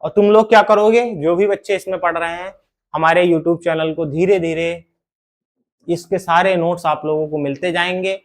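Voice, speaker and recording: A man teaching a poetry lesson to students, calling them "beta", asking questions and answering them himself, and chanting the verses slowly. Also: high voice, fairly even intonation. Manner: addresses students as "beta", asks and answers his own questions. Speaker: Hindi teacher. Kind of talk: classroom lesson explaining poetry.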